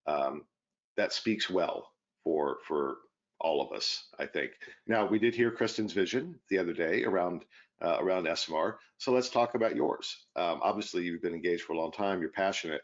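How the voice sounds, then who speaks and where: Low-voiced male host, friendly casual interviewer, dull audio. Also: lively intonation, moderate pace. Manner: friendly, restarts phrases.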